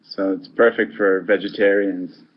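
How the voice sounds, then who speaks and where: A man from Wisconsin in a casual online voice chat, speaking in a dry, easygoing, low-key way. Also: flat delivery, measured pace, lo-fi sound.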